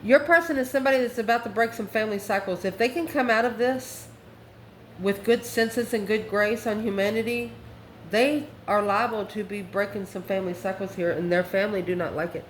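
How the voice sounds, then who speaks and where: A woman with a medium-pitched, brisk voice gives an improvised online tarot reading, sounding folksy, colloquial and sassy. The recording has a roomy echo and faint background noise.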